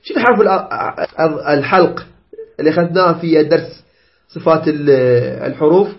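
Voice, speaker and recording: A man teaching Quran recitation rules, explaining patiently, checking that students follow and modelling the recitation slowly. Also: a little high. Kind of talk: tajweed lesson explaining a poem line by line. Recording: dull lo-fi recording.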